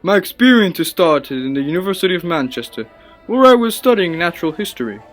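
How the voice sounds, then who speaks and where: In a radio play, a male actor portrays an obsessive, passionate young scientist, his high voice sing-song and fairly quick. The delivery is earnest, theatrical and formal, with a grave, haunted mood across the acting and narration. Soft music plays in the background.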